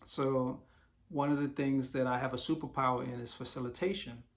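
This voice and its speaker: Male vlogger, gravelly and a little hoarse, relaxed and reflective as he lists ideas. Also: medium pitch, normal speed. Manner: reflective, walks through a list of ideas. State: slightly hoarse, losing his voice. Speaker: YouTube creator sharing business ideas. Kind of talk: casual solo vlog monologue.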